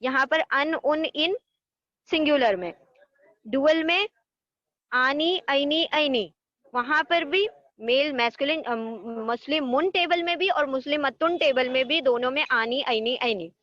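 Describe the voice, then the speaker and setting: High-voiced woman teaching grammar patiently. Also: a little slow, fairly bright tone, dry recording, highs cut off. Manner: patient, repeats word forms in drills. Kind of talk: online lesson explaining a table.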